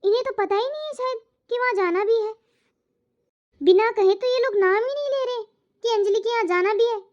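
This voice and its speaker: Shrill scolding mother-in-law. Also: a little fast, a little mellow, highs cut off. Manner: scolding, nagging, accusing. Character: scolding middle-aged mother-in-law, nagging and sharp-tongued. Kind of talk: cartoon moral story dubbing.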